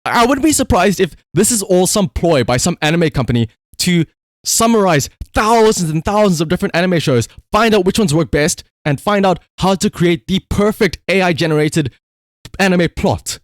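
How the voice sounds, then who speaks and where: Speaking at a normal speed in an animated voice that sits high, this livestream host chats casually with his viewers. He rambles in a conversational, emphatic way, and the studio recording is clean with no echo.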